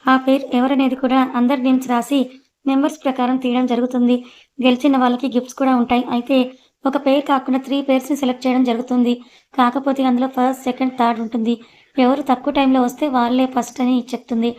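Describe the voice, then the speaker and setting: A bossy young woman in charge, quick to scold and give orders, voiced by a woman narrator. Her voice sits fairly high, and its pitch barely moves. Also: flat delivery, a little mellow, close to an everyday voice. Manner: commanding and scolding. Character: bossy, sharp-tongued young woman boss. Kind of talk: audiobook story narration.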